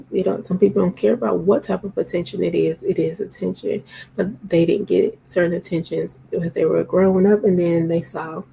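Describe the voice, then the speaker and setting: A woman's voice: on the low side, vocal fry, dark tone, a little hiss or hum, low-quality recording. A tired, sleepy woman talking casually to camera, rambling with lots of fillers. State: sleepy, yawning.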